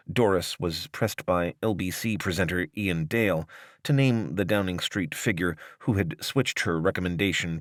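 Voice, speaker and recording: The narrator is a man with a deep voice presenting a written long-form article in a careful, articulate, formal style that is clearly scripted. There is no echo, and the sound is dry with minimal room ambience.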